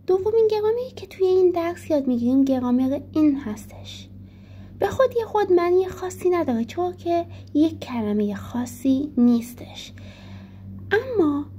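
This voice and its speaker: A woman teaching a grammar lesson, explaining points and slowly reading example sentences aloud. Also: sits high, slight background noise. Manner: lively instructive tone, stressing key points. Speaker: Korean language teacher.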